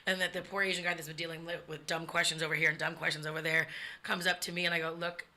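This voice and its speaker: A woman comedian spins an animated tale in loose conversation. Her voice is bright and forward, sitting a bit low in pitch, and she swears freely as she goes. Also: very fast. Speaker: stand-up comedian guest. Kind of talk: casual chat, telling a funny story.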